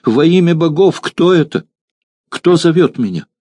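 A man's voice: lively intonation, slow pace, warm tone, no echo. A man voicing a devoted young woman in love, pleading in a raised, emotional voice. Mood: frightened. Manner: pleading and breathless, emotional high pitch.

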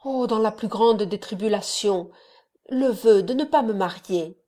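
A woman's voice: mid-range voice, unhurried, dark tone, close to an everyday voice. A woman voicing a young devout village bride who speaks in an earnest, pleading way.

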